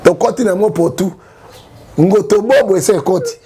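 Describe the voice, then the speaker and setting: A man from Congo with a Congolese French accent, giving animated political commentary full of rhetorical questions. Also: high voice, moderate pace, husky. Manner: emphatic, rhetorical questions, frequent "hein?".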